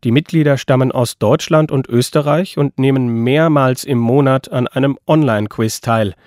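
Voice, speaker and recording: A man reading a scripted documentary voice-over in an even, informative tone. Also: mid-range voice, normal speed, dry recording, clean studio sound. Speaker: documentary narrator.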